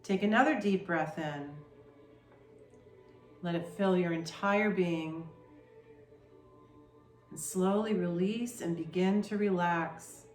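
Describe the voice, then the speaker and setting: Slow, soothing woman guiding meditation. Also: medium pitch, reverberant. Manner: soft, slow, soothing instructions. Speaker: meditation guide. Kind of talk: guided meditation.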